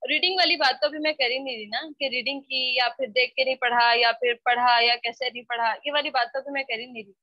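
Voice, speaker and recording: A woman's voice: high-pitched, steady tone, quick pace, hardly any pauses, dry recording. A woman teaching a spoken English class online, scolding her students and switching between Hindi-Urdu and English. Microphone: computer mic on a video call. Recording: dull, dry online-call audio.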